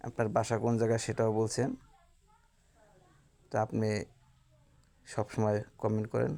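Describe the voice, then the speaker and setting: A woman lifestyle vlogger with a Bangladeshi Bengali accent reads through viewer comments. Her voice has a gravelly, creaky edge and stays on a fairly flat, even line. She speaks slowly and earnestly, thanking each person by name. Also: a bass voice.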